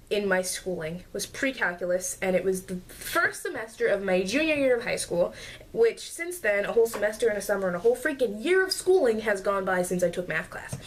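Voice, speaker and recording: A young woman vlogger telling a casual, exasperated storytime rant about her classes, full of sarcasm. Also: mid-range voice. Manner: exasperated, sarcastic, mocks classmates in put-on voices.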